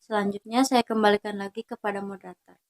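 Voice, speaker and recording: A young woman student reading her part of a group class presentation aloud, steady and careful, pausing between list items. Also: mid-range voice.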